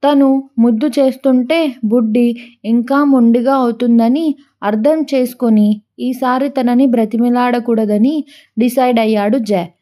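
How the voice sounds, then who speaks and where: Woman storyteller, higher-pitched and warm, reads a story and voices its characters. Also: fairly even intonation, normal speed. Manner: voices characters' quoted lines. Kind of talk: reading a story aloud.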